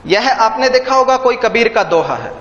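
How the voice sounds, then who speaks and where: A man teaching an online literature lesson, explaining slowly and repeating key terms with synonyms. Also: very high voice, very animated, fairly bright tone. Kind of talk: online Hindi literature lecture. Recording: echoey room, dull lo-fi sound.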